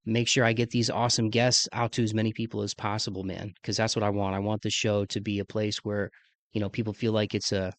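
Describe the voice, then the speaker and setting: A lowish-voiced podcast host in his mid-thirties chats in easygoing slang, frequently saying "man." His sinuses are congested, so he sounds deeper than usual. The recording is dry.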